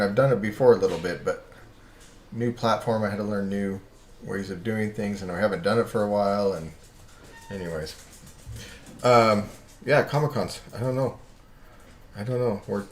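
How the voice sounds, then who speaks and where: A man's voice: on the low side, moderate pace, echoey room. A man chatting casually on his live art stream, rambling and often breaking off mid-sentence with chuckles.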